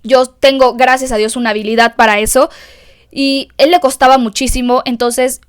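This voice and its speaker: A woman's voice: sits high, fairly even intonation, normal speed, clean tone. A young woman with a Mexican accent hosting a solo podcast, talking candidly and emotionally to her listeners and swearing freely. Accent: Mexican Spanish. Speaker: podcast host. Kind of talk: confessional solo podcast monologue.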